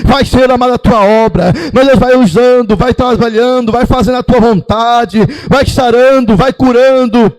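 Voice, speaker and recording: A man leading a church service in prayer, building from calm greetings to impassioned pleading. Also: extremely high pitch, normal speed, few pauses. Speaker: church leader opening the service. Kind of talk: fervent congregational prayer. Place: church sanctuary.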